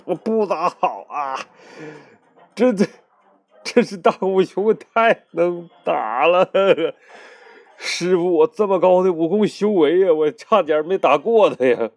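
Performer doing slow, groaning beaten kung-fu master. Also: mid-range voice, darkish tone. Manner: slow, groaning, self-pitying boasts. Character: battered, blustering older male martial arts master.

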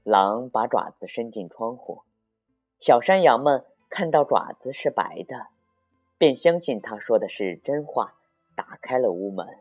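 A man narrating a children's story in a slow, expressive, sing-song way. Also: medium pitch, slightly rough, highs cut off, soft background music.

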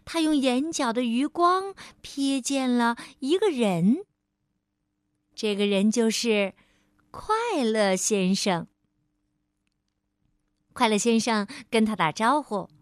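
A woman storyteller reading a picture book aloud to a child, gently addressing the listener as darling. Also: sits high, no echo, clean studio sound.

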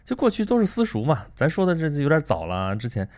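Male host with a lilt, quick and lively, rhetorical, casual monologue. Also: on the high side. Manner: animated, rhetorical questions, chatty asides. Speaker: podcast host. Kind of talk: casual monologue on learning and reading.

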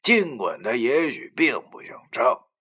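A man narrating a first-person novel, often sinking into a breathy whisper. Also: medium pitch, sing-song, measured pace, sharp tone. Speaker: audiobook narrator.

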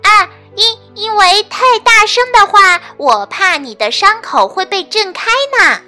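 A woman's voice: very high voice, expressive, unhurried, pushed and bright, faint music behind, voice pushed up, exaggerated voice. Woman doing a timid stammering little pterosaur boy. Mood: flustered. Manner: stammering, eager.

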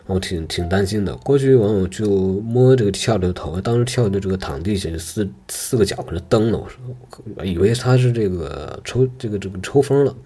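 A man's voice: fairly low pitch, lively intonation, brisk, warm tone, husky. A man casually telling a personal story, hesitant and rambling, with many filler words.

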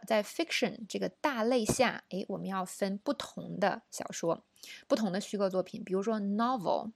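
Woman, chatty lesson host, mid pitch, dry close recording. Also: vocal fry, no room sound. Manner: chatty, explaining with frequent rhetorical questions. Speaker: English teacher. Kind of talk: casual language lesson.

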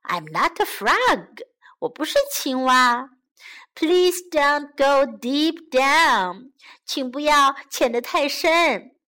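A woman's voice: high-pitched, big pitch swings, takes it slowly, bright, forceful tone, exaggerated voice. A woman voicing a timid small mouse that pleads anxiously in a children's storybook. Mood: worried pleading. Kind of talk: bilingual children's storybook reading.

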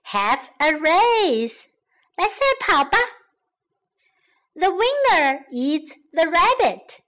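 Lady voicing a helpful clever monkey, slow clear kids-story voice, high and bouncy. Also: big pitch swings, a bit bright, full character voice. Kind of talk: bilingual children's storybook reading.

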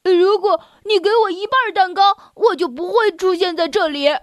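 A woman's voice: very high voice, normal speed, no room sound, clean studio sound. A woman voicing a boastful, cowardly, hungry male wolf in a children's storybook, blustering and whining. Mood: whiny. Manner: blustering and whiny.

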